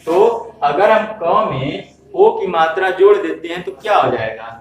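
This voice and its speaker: A man teaching a lesson to young children, speaking slowly, repeating himself and asking questions that he answers himself. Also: fairly high pitch, animated. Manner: slow, repetitive, asks questions and answers them himself. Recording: echoey room, voice from far off.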